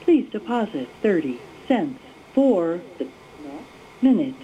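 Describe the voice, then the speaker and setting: A woman's recorded announcement played over a payphone line, formal, measured and polite. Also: medium pitch, very animated, warm tone. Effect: recorded prompt heard over a payphone line. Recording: muffled phone line with faint hiss.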